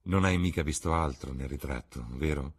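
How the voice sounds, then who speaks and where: A man reading as a melancholy painter with a very low, husky voice kept quiet and subdued. He speaks earnestly and sadly, with the feel of a spoken audiobook. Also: moderate pace.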